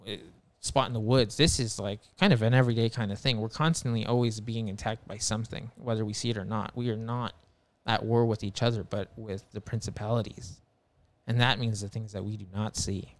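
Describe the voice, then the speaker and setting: A man's voice: mid-range voice, no echo. A man telling a story as a podcast guest, rambling and full of filler words, swearing a lot, earnest and emphatic. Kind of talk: casual chat.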